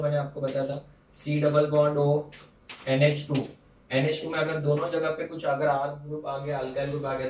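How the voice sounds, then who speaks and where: A man's voice: fairly high pitch, muffled recording. A male teacher at a chalkboard giving a chemistry lesson. He asks his students questions and answers them himself, mixing Hindi with English technical terms. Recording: roomy and distant, faint background hum.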